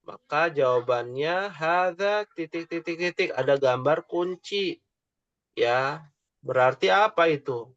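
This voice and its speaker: Male online tutor, unhurried patient delivery, fairly high voice, dull dry lo-fi call audio. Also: expressive, a bit bright, no room sound. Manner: slow, patient, drawn-out modelling of Arabic phrases. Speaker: Arabic teacher. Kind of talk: online class teaching. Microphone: online call microphone.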